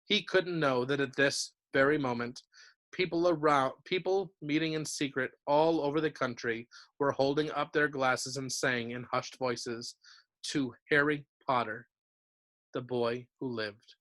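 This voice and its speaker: A man, a teacher, reading a novel aloud to his class in a steady, clear storytelling manner. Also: mid-range voice, measured pace.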